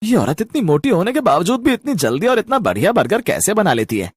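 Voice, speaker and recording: A man's voice: high voice, big pitch swings, a little fast, husky, heavily acted. A man voicing several ordinary village men in a cartoon horror story, bickering and bewildered.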